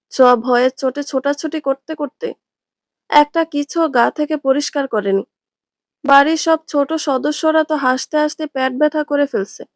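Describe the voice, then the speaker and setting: A woman storyteller reading a dramatic story aloud in a steady narrating voice. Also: high voice, no echo, clean studio sound.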